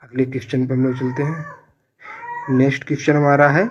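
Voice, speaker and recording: A man's voice: medium pitch, steady tone, moderate pace, muffled recording, slight background noise. Man drilling quiz answers, repeating each twice. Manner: asks each question, then repeats the answer several times; addresses viewers as friends. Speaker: exam coaching teacher. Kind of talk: quiz-style exam prep lesson.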